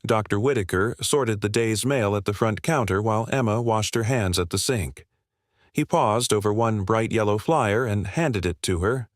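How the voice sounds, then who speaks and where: A man reading a heartfelt animal story aloud in a measured, steady storytelling manner. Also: fairly low pitch, no echo, studio quality. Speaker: narrator. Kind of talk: scripted story narration.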